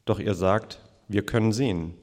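A man reading a long scripture passage aloud in church, in a measured, steady way. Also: on the low side, big-room sound. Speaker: scripture reader.

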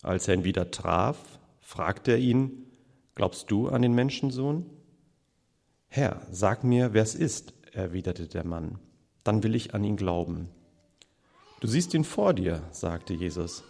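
A man reading a long scripture passage aloud in church, in a measured, steady way. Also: fairly low pitch, vocal fry, long reverb tail. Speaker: scripture reader.

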